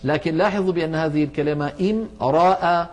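A middle-aged man with a slightly high voice teaches a recitation lesson for television. He explains each rule step by step and draws out the example words slowly and clearly. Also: darkish tone. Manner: methodical, explanatory, slows to enunciate examples.

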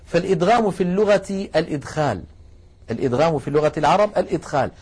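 Husky high-voiced man teaching. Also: animated, darkish tone. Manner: explanatory, slows down to demonstrate sounds; addresses students directly, asks them to try along. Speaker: Quran recitation teacher. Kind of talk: classroom lecture on tajweed.

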